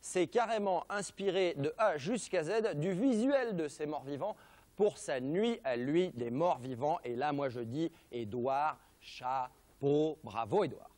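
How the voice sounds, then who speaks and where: A French-accented male TV host presents film history with ironic, mock-serious humour. He drops jokey asides in a slightly high-pitched voice. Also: expressive, unhurried, a little mellow. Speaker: television show host.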